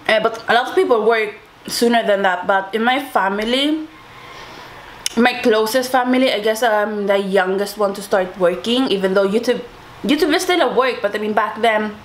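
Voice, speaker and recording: A woman's voice: on the high side, a little hiss or hum, low-quality recording. A young adult woman telling a personal story to viewers in a casual, chatty, informal way, like a YouTuber talking to camera. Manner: chatty, informal, addresses listeners as guys.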